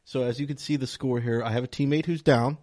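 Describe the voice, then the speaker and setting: A man's voice: medium pitch, steady tone, quick pace, darkish tone. Eager man recounting a gaming moment. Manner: eager storyteller explaining a game clip. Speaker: podcast co-host. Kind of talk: casual podcast chat. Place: studio table, streamed live.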